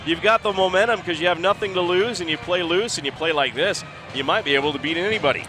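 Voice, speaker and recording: A man hosting a high school basketball postgame show, reading sponsor lines and recapping the game. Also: fast, over music, rough recording. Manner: upbeat, reads sponsor lines. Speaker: play-by-play broadcaster. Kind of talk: postgame sports broadcast.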